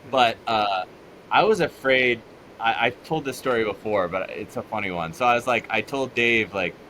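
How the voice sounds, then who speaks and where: Male guest, bright and lively, laughs through his stories, faint noise. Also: medium pitch, moderate pace. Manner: animated, laughs while telling stories. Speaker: podcast guest. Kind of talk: casual storytelling chat.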